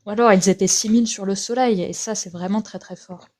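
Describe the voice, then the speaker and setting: A woman's voice: medium pitch, fairly even intonation, a little fast, a little mellow. A woman joining a stream as a guest, chatting casually with a dry, teasing tone. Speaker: co-host guest. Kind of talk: casual chat.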